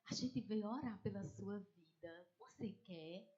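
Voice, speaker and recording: A woman's voice: medium pitch, measured pace, dull audio. A woman with a Northeastern Brazilian accent preaching a testimony, telling the story with animation and acting out the voices of people in it. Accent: Northeastern Brazilian Portuguese. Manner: animated storytelling, acts out quoted voices, addresses listeners as dear ones.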